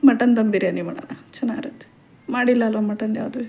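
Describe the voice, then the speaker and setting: A woman's voice: on the high side, racing, muffled recording. A woman in her forties with a Kannada accent, a mother chatting and teasing her daughter in a home kitchen at night. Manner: teasing, bossy, laughing. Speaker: vlogger, mother. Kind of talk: casual family chat.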